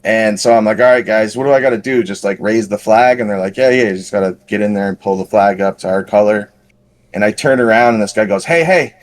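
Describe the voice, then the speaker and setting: A man's voice: fairly low pitch, fairly even intonation, fast talker. A man on a podcast casually telling a long paintball story, rambling and self-deprecating with lots of fillers. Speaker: podcast co-host.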